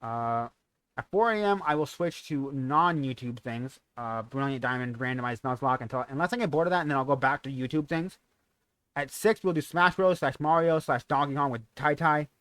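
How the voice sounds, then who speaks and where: A man's voice: medium pitch, normal speed, a bit bright, clean tone, dry recording. Rambling young male streamer, dry sound. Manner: rambling, self-correcting, chuckles at himself. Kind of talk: casual stream announcement.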